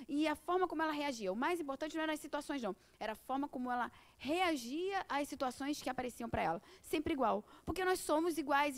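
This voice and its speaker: A middle-aged woman with a Brazilian accent teaching an informal spiritual class, talking conversationally and asking many rhetorical questions. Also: high-pitched. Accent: Brazilian Portuguese. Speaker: course teacher.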